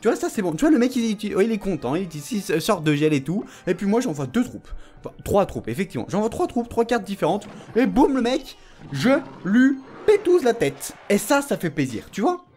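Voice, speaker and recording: Excitable young man trash-talking through a game. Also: high-pitched, fairly quick, faint music behind. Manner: excitable, playfully trash-talking, laughing often. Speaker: gaming channel host. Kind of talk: casual gameplay commentary.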